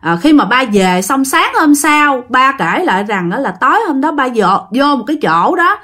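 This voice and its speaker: Lively Southern Vietnamese woman telling a ghost story. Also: high-pitched, moderate pace. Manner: chatty, addresses listeners directly, acts out quoted speech. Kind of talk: casual spoken ghost story narration.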